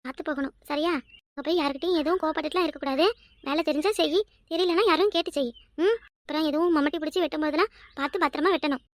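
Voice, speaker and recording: A woman voicing a loud, fussing village grandmother and a young wife in a cartoon, with a high, wailing, scolding way of talking. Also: rapid-fire, dry recording, lightly acted. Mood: tender coaxing. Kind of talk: cartoon voice acting.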